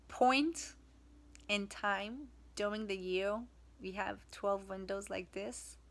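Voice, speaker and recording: A woman whose first language is Hebrew, talking in a casual spiritual vlog and often pausing to search for words. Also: mid-range voice, fairly bright tone. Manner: slow, searching for words, many fillers and restarts. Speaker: vlogger.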